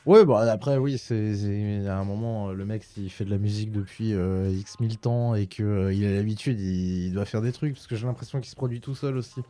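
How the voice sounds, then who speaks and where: A man's voice: on the low side, a little fast, hardly any pauses, mellow. A man co-hosting a casual music podcast, talking with many fillers and restarts. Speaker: podcast co-host. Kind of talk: casual chat about music. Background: music playing.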